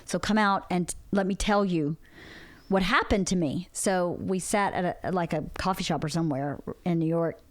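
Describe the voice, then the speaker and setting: A woman's voice: lowish voice, normal speed, no room sound. A woman in her forties on a podcast, talking earnestly and openly about a hard personal experience. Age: 40s. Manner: earnest, open and reflective. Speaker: podcast co-host. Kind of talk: candid personal conversation.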